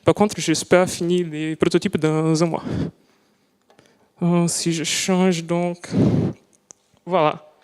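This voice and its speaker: A young man, not a native French speaker, gives a slow live presentation of his student project in a lecture hall, pausing often, restarting and searching for words. His smooth voice is on the high side, flat and a little mellow, with long hall reverb.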